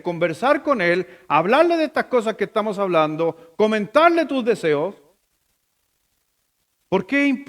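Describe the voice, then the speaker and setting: High-voiced Chilean pastor preaching conversationally. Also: male voice. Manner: conversational, with rhetorical questions to the congregation. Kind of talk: sermon.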